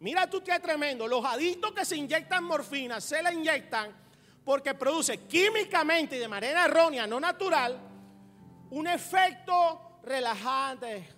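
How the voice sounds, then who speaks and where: A man preaching a sermon as pastor, laughing along with his listeners, calling for amens and rising to loud emphasis. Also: extremely high pitch, expressive, normal speed. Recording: roomy long reverb with faint music.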